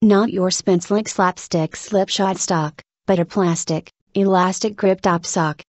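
A woman reading scripted tongue twisters aloud with careful, deliberate articulation. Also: on the low side, fairly even intonation, no echo.

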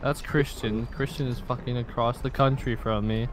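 A man's voice: medium pitch, fairly even intonation, moderate pace. A man chatting casually while gaming, teasing and swearing. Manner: profane, teasing. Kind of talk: casual gaming banter in voice chat. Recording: noisy game voice chat, clicks.

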